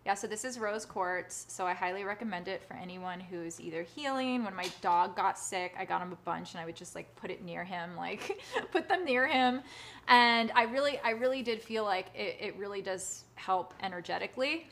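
Fast-talking, bubbly woman host. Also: medium pitch, animated, fairly bright tone, slight background noise. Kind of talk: live social-media conversation.

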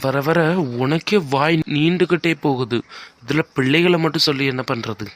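A man's voice: a little high, normal speed, a bit bright, natural voice. A man voicing a stern father who brushes off his wife's worries curtly. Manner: curt, dismissive. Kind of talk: cartoon voice acting.

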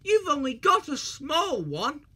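A reader voicing a cheeky, excitable little tank engine in a storybook, speaking high and chanting. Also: slow pace, exaggerated voice. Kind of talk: storybook reading.

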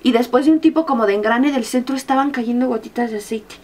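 A young Mexican woman vlogger telling a story in a casual, animated way, acting out her own screams and the lines of the people in it. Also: on the high side, fast talker.

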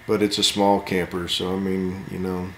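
A man's voice: deep voice, completely flat delivery, a bit bright, echoey room, a little hiss or hum. Laid-back man touring a camper. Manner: laid-back, joking, drawn-out asides. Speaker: RV channel host. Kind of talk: casual walkthrough commentary. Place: inside a camper at an RV show.

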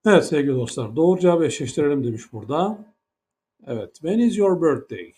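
A man's voice: a little high, expressive, fast, dark tone. A man teaching an English grammar lesson in Turkish, with a Turkish accent in English. He explains patiently, step by step, and asks many rhetorical questions.

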